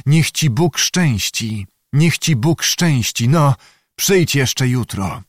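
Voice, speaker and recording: A man voicing a commanding prince who speaks slowly, gravely and kindly in an audiobook. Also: medium pitch, animated, dry recording, clean studio sound. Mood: grave tender. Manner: slow, grave, benevolent.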